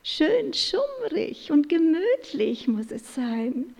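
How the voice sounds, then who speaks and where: A woman voicing an owl who wants dim, cozy light in a spoken animal fable, with a high, hooting delivery. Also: sing-song, takes it slowly, vocal fry, a little mellow, full character voice. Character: cozy owl who hates bright candles.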